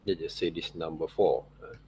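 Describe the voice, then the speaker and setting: A man with a rumbling low, dark, slightly rough voice speaks at a normal speed in a level tone. He's an art teacher giving informal screen-share tutorial commentary, often checking in with small tag questions.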